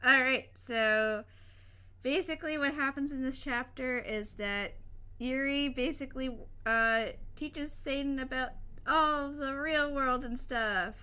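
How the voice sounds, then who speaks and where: A woman's voice: high-pitched, slow pace, pushed and bright, clear, resonant tone. A young woman with a sore throat, hosting a casual podcast chat in a rambling way full of fillers. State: sore throat, feeling sick. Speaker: podcast host.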